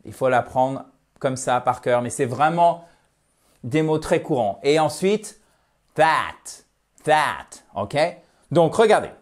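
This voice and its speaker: A man teaching a lively lesson, often slowing to repeat words and model how they sound. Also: mid-range voice. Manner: animated, repeats words slowly to model pronunciation. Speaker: English teacher.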